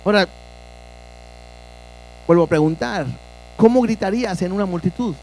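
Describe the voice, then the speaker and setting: A man's voice: sits high, brisk, warm tone, slight background noise, low-quality recording. A man preaching a sermon as pastor, earnest and asking his listeners direct questions.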